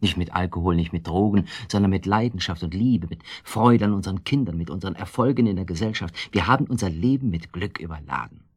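A low-pitched male actor plays a guilt-ridden, brooding husband in a German radio play. His husky, gravelly delivery is halting and bitterly ironic, carrying a bitter, reflective mood.

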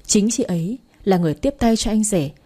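A woman's voice: mid-range voice, animated, brisk, warm tone. A woman narrating a dramatic story in the first and third person, voicing all the characters herself.

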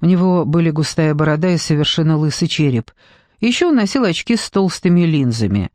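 A man narrating an audiobook in an even, measured storytelling manner. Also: a little high, dry recording, studio quality. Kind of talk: scripted narration.

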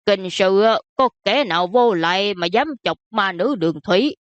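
A woman voicing a vain, plump older prince who grumbles in a slow, huffy way. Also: mid-range voice, expressive, no echo, dull audio, natural voice. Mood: grumpy.

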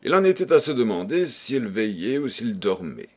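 A man reading a novel aloud as an audiobook narrator, expressive and deliberate. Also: medium pitch, husky. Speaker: audiobook reader.

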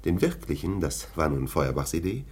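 A scornful police official with a very low voice, sneering and mocking as he bullies the boy. His voice is husky and swings widely in pitch. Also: very animated, normal speed, exaggerated voice. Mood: confiding. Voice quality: sneering, dry mockery. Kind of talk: 1960s German radio play acting.

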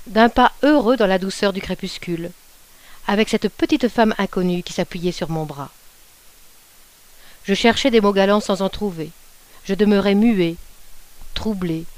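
A woman narrating a classic short story in a measured, unhurried reading voice. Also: mid-range voice. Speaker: audiobook reader.

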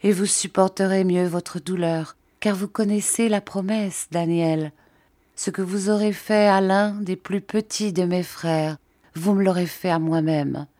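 A woman reading an audiobook, voicing a distraught old widow who pleads in a high, urgent voice. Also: steady tone, a little slow, dark tone, no room sound, studio quality, close to an everyday voice. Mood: consoling.

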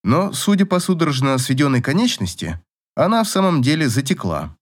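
A man reading an audiobook novel as narrator, in an expressive scripted style. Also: a little high, a little fast.

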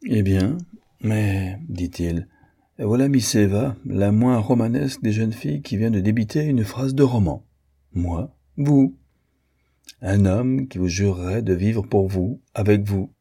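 Wry sardonic doctor, low pitch, husky dark tone, male reader. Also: a little slow. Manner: dry, wry.

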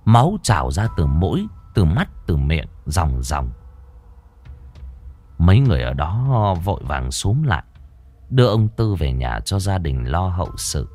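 A man's voice: low-pitched, very animated, unhurried, darkish tone. A man narrating a ghost story with dramatic, suspenseful delivery.

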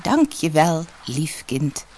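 A woman voicing a frail old peasant woman, speaking in a kindly, unhurried way. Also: low-pitched, very animated, darkish tone, a little hiss or hum, full character voice.

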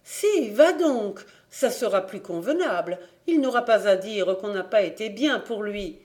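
A man's voice: sits high, lively intonation, a little slow, darkish tone. A man reading an audiobook, putting on the voice of an anxious, tearful young daughter who speaks in a fretful, pleading way.

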